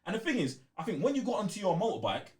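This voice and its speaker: A man with a London accent co-hosts a gaming podcast, chatting casually about video games in an emphatic, slangy way and repeating points to drive them home. His voice is high-pitched and darkish, with big pitch swings, and he talks very fast.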